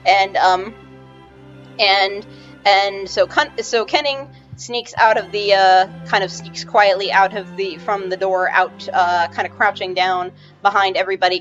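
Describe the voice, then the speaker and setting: A woman's voice: medium pitch, fairly bright tone. Woman GM, rambling, stop-start delivery, dull lo-fi audio with faint music under it. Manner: rambling, halting, many restarts and fillers. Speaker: game master. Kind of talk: narrating a tabletop game.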